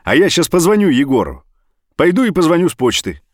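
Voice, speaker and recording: A man voicing a desperate middle-aged father who pleads and shouts down a phone. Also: on the high side, very animated, fairly quick, no room sound, clean studio sound, voice pushed up. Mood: agitated.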